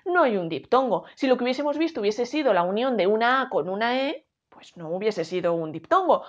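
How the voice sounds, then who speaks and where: A woman with a Spanish accent from Spain, teaching a grammar lesson and sounding out words slowly, syllable by syllable. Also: a little high. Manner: slow, careful syllable-by-syllable demonstration. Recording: dull lo-fi recording.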